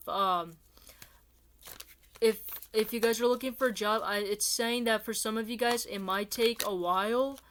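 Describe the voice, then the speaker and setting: A woman talks through a casual tarot reading at a middling pitch. Her delivery is chatty and loose, and she rambles a little as she addresses her viewers directly. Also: fairly bright tone, a little hiss or hum. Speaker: tarot reader.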